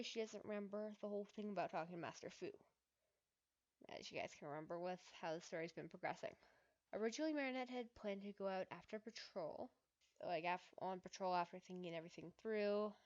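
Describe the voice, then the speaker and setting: A woman's voice: medium pitch, fairly quick, darkish tone, dull audio. Chatty woman reading her own fan story. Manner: chatty, stifling laughs. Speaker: fanfiction author. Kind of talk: reading own fanfiction aloud.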